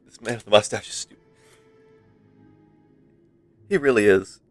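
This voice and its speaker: A variety game streamer chats casually on a livestream, rambling and playful as he gives commentary. His lowish voice moves at a moderate pace, captured on a close streaming microphone with no room sound and faint game music behind him.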